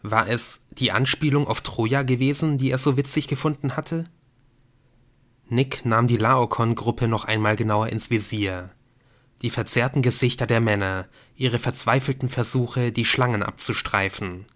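Steady male audiobook narrator. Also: medium pitch, moderate pace. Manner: steady storytelling. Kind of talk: scripted narration.

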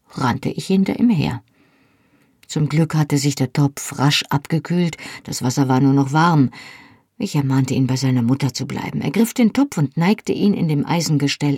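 A woman narrating an audiobook in the first person, with measured, lightly dramatized storytelling. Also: sits low, a little mellow, breathy edge, no echo. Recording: close, dry studio voice.

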